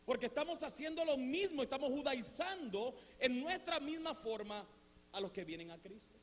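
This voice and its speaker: Pastor guy preaching in a church, high voice, talks right to the crowd, big echoey hall, bit of hum. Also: moderate pace. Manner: animated, conversational preaching with rhetorical questions. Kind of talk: sermon. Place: church sanctuary.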